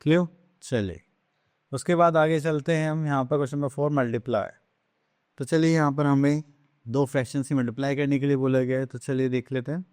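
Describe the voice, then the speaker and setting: A man's voice: mid-range voice, steady tone, a little fast, a little mellow, no room sound. Man teaching fractions in a dry close room. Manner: asks questions then answers them himself; mixes English math terms into explanations. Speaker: math teacher. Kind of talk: classroom math lesson.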